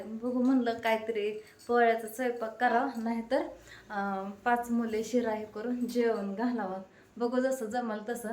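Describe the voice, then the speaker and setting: A woman in her thirties, a mother chatting casually to her viewers while doing chores at home. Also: on the high side. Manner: chatty, talks straight to viewers while busy. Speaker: mother and vlogger. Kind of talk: casual home vlog chat. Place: home, kitchen. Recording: echoey room.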